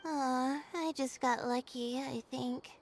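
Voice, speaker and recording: A woman's voice: sits high, fairly even intonation, takes it slowly, a little hiss or hum. A woman voicing a shy, self-deprecating young student in a game. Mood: modest. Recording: game audio with music behind.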